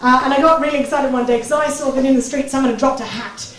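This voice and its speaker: A woman's voice: high-pitched, steady tone, fast talker. Australian woman doing stand-up, echoey club. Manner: chatty, self-mocking, bursts into loud giddy bits. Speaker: stand-up comedian. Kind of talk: stand-up comedy set. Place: small comedy club stage. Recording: echoey club recording from far off.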